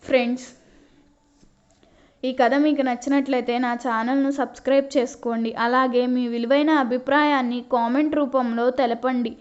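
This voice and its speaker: High-voiced woman storyteller. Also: steady tone, moderate pace, smooth, muffled recording. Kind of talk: scripted story narration.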